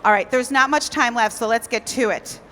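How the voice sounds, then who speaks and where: A woman emcees a live cooking stage at a convention, sounding bubbly, a little flustered and laughing at herself. Her voice is a little high, fairly quick and a bit bright, echoing in a large hall with slight background noise.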